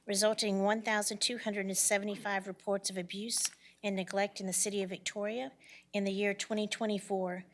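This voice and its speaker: A woman reading a formal city proclamation in a measured, formal way. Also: mid-range voice, a bit bright.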